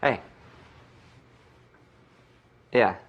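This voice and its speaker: A man's voice: moderate pace, highs cut off, slight background noise, natural voice. An actor playing a defensive groom-to-be who bickers with his partner. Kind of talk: film acting.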